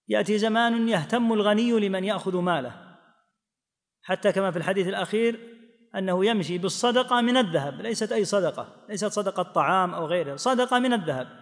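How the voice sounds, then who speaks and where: A man with a high voice delivers a religious lesson, unhurried and explanatory. He sometimes acts out the people in the texts he quotes. His voice carries a long reverb, as if he were recorded in a big hall. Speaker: teacher explaining hadith.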